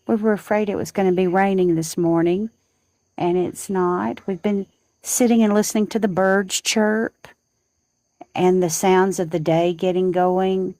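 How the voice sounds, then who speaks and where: Slow-talking woman on a porch. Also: medium pitch, steady tone, warm tone, dry recording. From Southern United States. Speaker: live stream co-host. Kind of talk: casual chat on a live stream. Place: outdoors on a home porch at dawn.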